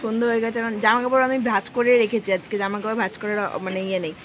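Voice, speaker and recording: A woman's voice: a little high, steady tone, very fast. A woman, chatting to viewers in a casual home vlog. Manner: chatty, talks to viewers directly. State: hoarse. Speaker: vlogger.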